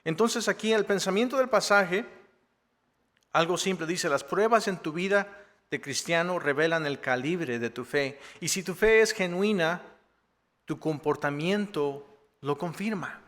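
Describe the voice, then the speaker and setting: A man preaching a Spanish sermon in a friendly, joking way, with a slightly high voice and a long church-hall echo. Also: a little slow, a bit bright. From Mexico. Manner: conversational, joking asides with rhetorical "¿verdad?". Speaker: assistant pastor. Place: church sanctuary.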